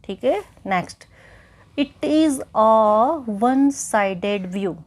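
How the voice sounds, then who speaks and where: A woman's voice: a little high, darkish tone. A woman with an Indian English accent teaching an English grammar lesson. She explains patiently, repeats her points and keeps checking in with the listener.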